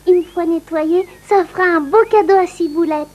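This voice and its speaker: A woman's voice: extremely high pitch, steady tone, normal speed, a little mellow. A woman voicing a kind, curious little boy snowman in a children's cartoon, childlike and full of exclamations. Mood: cheerful. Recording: muffled audio with music behind.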